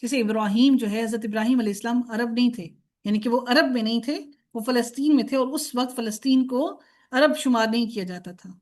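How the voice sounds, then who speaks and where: A woman with a fairly high voice gives a recorded grammar lecture. She is patient and methodical, chants word forms one after another, asks questions and then answers them herself, and slips English terms into her talk. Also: darkish tone. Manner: mixes in English words. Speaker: Arabic grammar teacher.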